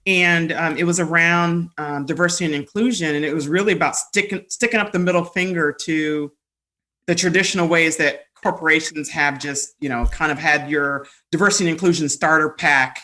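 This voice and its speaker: Woman guest chatting on a podcast, crisp bright voice, rambles through her stories, laughs a lot. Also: low-pitched, brisk. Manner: rambling, animated storyteller with frequent laughs. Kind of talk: casual storytelling conversation.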